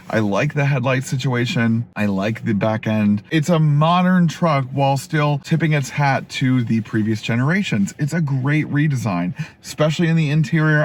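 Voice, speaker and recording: A man hosting a casual car review, talking as he drives a pickup truck, with lots of fillers like "like" and "you know". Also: fairly high pitch. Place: inside a pickup truck while driving. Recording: road and engine noise in a moving truck.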